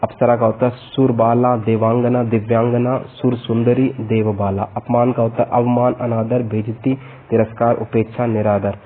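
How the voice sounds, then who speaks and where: A man's voice: medium pitch, level tone. A man teaching a Hindi exam vocabulary lesson, reeling off synonyms and word pairs and stopping now and then to explain. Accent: Hindi, North Indian. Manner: rattles off word lists, pauses to explain. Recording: tinny narrow-band lo-fi audio.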